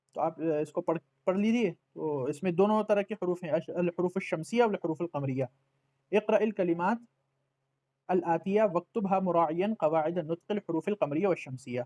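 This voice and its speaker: A man's voice: high voice, darkish tone. A man teaching Arabic letters in an online lesson, patiently repeating words and checking that his students follow.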